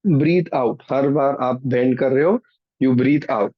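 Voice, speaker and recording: A man's voice: mid-range voice, slow. A man with an Indian accent coaching a live group workout in Hindi and English, urging people on with repeated short commands and counts. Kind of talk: live exercise class instruction, mixing Hindi and English. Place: online group video call. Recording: dull, roomy video-call audio.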